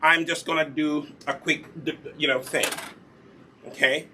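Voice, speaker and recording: Hosting a relaxed live demonstration of natural hair care products he sells, a man from Uganda with a Ugandan accent teaches and repeats the key points. His voice is a little high, bright and forceful, with fairly even intonation and a slightly slow pace, plus a bit of hiss or hum.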